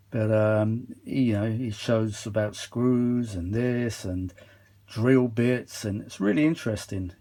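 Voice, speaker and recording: Recording on a handheld phone, a hobbyist who fixes vintage audio equipment gives an unscripted repair update at his bench, musing aloud and swearing mildly. His voice is lowish, gravelly and mellow, with a breathy edge.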